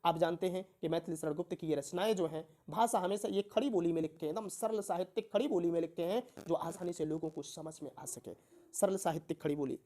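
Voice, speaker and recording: A woman teaching an exam-prep Hindi lesson, reading verses slowly and then explaining them, often asking herself a question and answering it. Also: fairly low pitch, dark tone. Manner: recites verse slowly with rising emphasis, then explains in plain terms.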